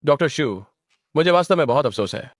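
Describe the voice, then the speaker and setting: A man's voice: a little high, lively intonation, brisk, slight background noise, lightly acted. An actor playing a chatty, loyal male assistant in a Hindi drama dub.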